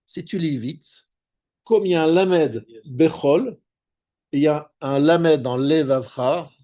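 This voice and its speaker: A man, a rabbi, teaching a spoken Torah lesson, explaining patiently and slowing down on Hebrew terms. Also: a little high, mellow, highs cut off. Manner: explanatory, repeats and restarts words, stresses Hebrew terms slowly.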